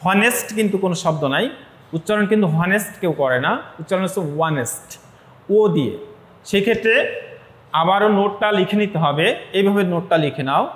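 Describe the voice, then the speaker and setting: A man's voice: high-pitched, fairly quick, reverberant. A man with a Bangladeshi accent, an English teacher giving an online class lecture, explaining step by step and repeating points for students.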